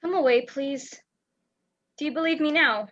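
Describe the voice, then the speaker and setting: A young woman, a student actor in a school radio play, voices a frightened, secretive spy with urgent, dramatic delivery and a grave mood. Her voice sits high and is a bit bright, at a moderate pace. It's a dull, lo-fi home recording.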